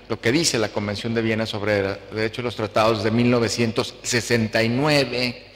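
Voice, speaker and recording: A man on an academic panel, laying out his points one by one in a measured way with frequent fillers. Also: medium pitch, a bit bright. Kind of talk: round-table academic talk. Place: lecture hall. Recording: long hall reverb.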